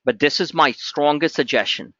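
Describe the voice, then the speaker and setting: A middle-aged man hosting a trading webinar, talking in an animated, pushy salesman patter as he walks through charts. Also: fairly high pitch, moderate pace, no room sound, muffled recording. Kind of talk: live trading webinar talk.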